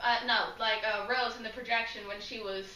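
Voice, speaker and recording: A woman's voice: fairly high pitch, fairly even intonation, fairly quick, bright, forceful tone, reverberant, far from the mic, poor audio. A woman co-hosting a casual fan discussion, chatty and chiming in with short asides. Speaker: podcast co-host.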